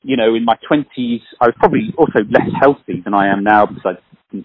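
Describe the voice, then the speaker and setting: Husky man in his forties, animated. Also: mid-range voice, a little fast, no echo, muffled recording. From British. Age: 40s. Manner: animated storyteller, swears, acts out voices. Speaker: podcast host. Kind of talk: casual conversation.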